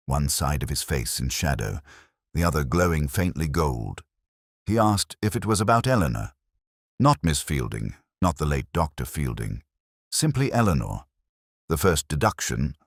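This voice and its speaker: A man voicing a wry, introspective middle-aged police inspector, narrating a detective story in the first person with a measured, reflective, literary manner. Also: very deep voice, no room sound, clean studio sound, exaggerated voice.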